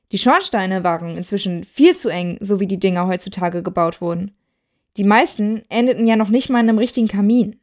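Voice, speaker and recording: A woman reading a children's Christmas story aloud in an even, clearly paced storytelling voice. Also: medium pitch. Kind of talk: scripted story narration.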